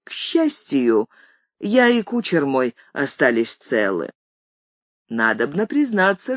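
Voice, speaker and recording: A woman narrating a classic story as an audiobook reading, expressive in her telling. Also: medium pitch, dry recording, clean studio sound.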